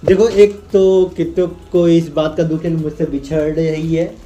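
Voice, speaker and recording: A man's voice: a little high, flat delivery, measured pace, dark tone, dull audio, a little hiss or hum. Teasing man vlogging at home. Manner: teasing, affectionate, coaxing. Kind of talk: casual home vlog.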